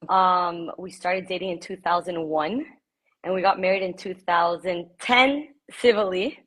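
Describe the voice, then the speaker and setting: A woman's voice: fairly low pitch, unhurried, fairly bright tone, poor audio. A woman in her forties from Miami, talking openly and emotionally as a podcast guest, with frequent laughs. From Miami, United States. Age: 40s. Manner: emotional, chatty, laughs often. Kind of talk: casual chat. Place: living in Ecuador.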